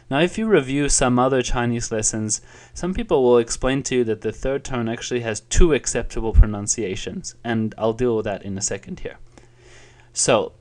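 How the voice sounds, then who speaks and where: Man patiently teaching a language lesson. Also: medium pitch. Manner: calm, patient explaining with occasional fillers. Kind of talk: explanatory online lesson.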